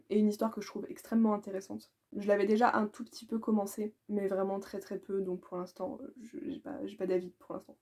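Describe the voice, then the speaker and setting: A French-accented woman talks casually about her reading pile in a vlog. Her voice is very dark and mellow, at an average pitch. She hesitates often, fills gaps with little sounds and laughs at herself. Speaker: booktuber.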